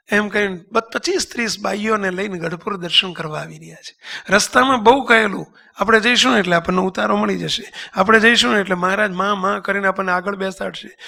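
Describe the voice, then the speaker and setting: Animated, gravelly-voiced man preaching a sermon. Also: sits high. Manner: animated, voices characters, sings verses slowly. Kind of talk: devotional sermon with storytelling. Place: temple congregation.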